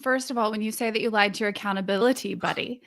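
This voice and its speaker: A woman's voice: mid-range voice, fast, a bit bright. A woman co-hosting a podcast in a casual, playful, teasing chat. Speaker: podcast co-host.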